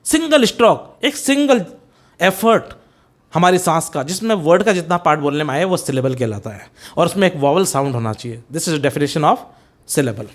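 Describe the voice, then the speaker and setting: An Indian man lecturing on a poem for a competitive exam, switching between Hindi and English. His voice sits noticeably high for a man, and he drills his students by counting lines and repeating the likely questions. The delivery is a teacher's steady classroom explanation. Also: normal speed. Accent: Hindi-speaking Indian.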